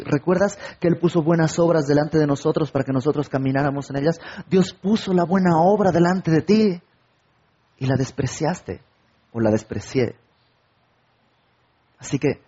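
Guy preaching, kinda high warm voice, husky, dull muffled recording. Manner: rhetorical questions and acted-out everyday dialogue. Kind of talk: sermon.

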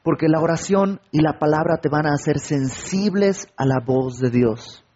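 A man's voice: on the high side, moderate pace, darkish tone, dull audio, a little hiss or hum. A man preaching a sermon, asking his listeners questions and acting out little everyday conversations. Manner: rhetorical questions and acted-out everyday dialogue.

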